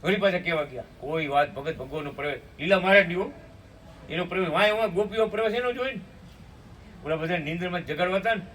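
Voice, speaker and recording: This fairly high, slightly bright male voice belongs to a spiritual speaker giving a storytelling sermon at a satsang. He narrates, slips into slow sung hymn lines, and prompts the audience with "hum?". The mic is distant, with a faint hiss.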